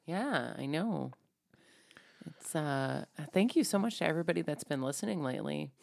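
A woman co-hosting a podcast, talking in a low, gravelly voice with plenty of vocal fry. She chats casually and rambles, filling her talk with ums and likes and laughing easily. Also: lively intonation, normal speed, darkish tone. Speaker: podcast co-host.

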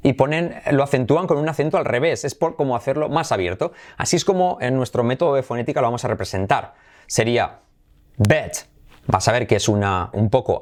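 A man with a Spanish accent from Spain, teaching English pronunciation and repeating words over and over with exaggerated sounds. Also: medium pitch. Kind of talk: pronunciation lesson.

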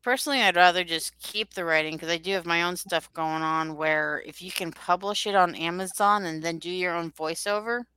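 A woman's voice: lowish voice, a little fast, few pauses, bright, forceful tone, clear, resonant tone, dry recording, low-quality recording. A woman hosting a podcast, chatting casually in loose, rambling sentences. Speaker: podcast host. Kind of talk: casual chat.

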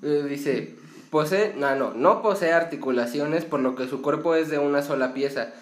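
A man's voice: on the high side, normal speed. A Mexican man with a slightly raised voice trades jokes with a co-host, reading out notes and laughing at his own jokes. The room around him is audibly echoey. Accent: Mexican Spanish. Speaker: podcast co-host. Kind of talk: casual chat and reading notes aloud.

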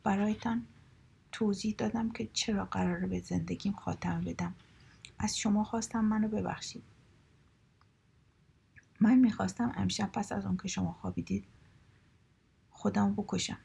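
A woman's voice: medium pitch, steady tone, creaky, pauses often, a little mellow, breathy edge, full character voice. A woman reading as a shaken teenage boy. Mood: despairing. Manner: trembling confession. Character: fourteen-year-old boy, despairing and shaken.

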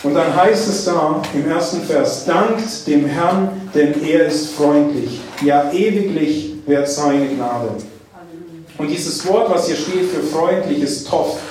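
A man preaching a sermon, dwelling on key phrases with drawn-out emphasis. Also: fairly high pitch, a little mellow, slight background noise. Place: church hall. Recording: echoey church hall, mic at a distance.

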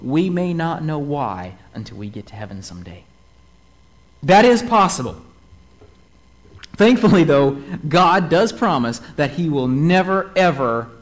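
A man preaching a sermon, animated and fond of asking his listeners rhetorical questions. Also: mid-range voice.

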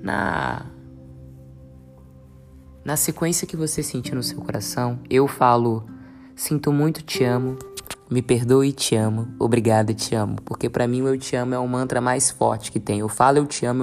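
A woman with a very deep, mellow voice guides listeners through a mantra and prayer practice. She speaks in a calm, earnest tone and repeats phrases slowly, over faint instrumental music. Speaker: spiritual guide. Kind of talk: guided meditation teaching. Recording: soft instrumental music behind.

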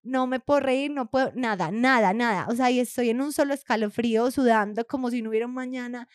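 A woman's voice: fairly high pitch, brisk, no echo, clean studio sound. A woman, co-hosting a podcast in casual chat, telling stories with animation and frequent laughter. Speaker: podcast co-host.

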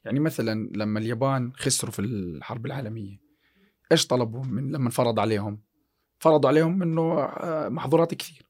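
A man's voice: medium pitch, quick pace. A man, chatting on a podcast about success and faith, quoting scripture with many restarts. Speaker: podcast guest, chemistry teacher. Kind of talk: casual podcast chat.

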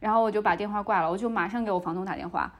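The recording is muffled, but the medium-pitched voice races as a young woman hosting a podcast tells a story in casual chat. She retells it vividly, acting out the dialogue.

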